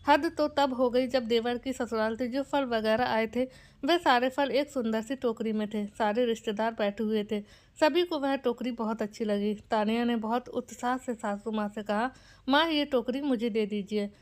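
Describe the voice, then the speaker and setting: A woman's voice: a little high, steady tone, moderate pace, darkish tone. A woman reading out a scripted family story as narrator, voicing every character's lines in her own voice.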